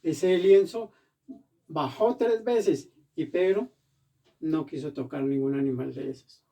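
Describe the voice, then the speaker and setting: A man preaching a sermon as pastor in a church, animated and acting out the voices he quotes. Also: on the high side, takes it slowly, gravelly, distant mic.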